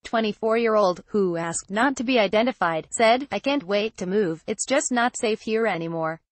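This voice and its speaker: A woman reading a news article aloud as scripted narration, in an even, flat delivery. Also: medium pitch, normal speed, no room sound. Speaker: news reader.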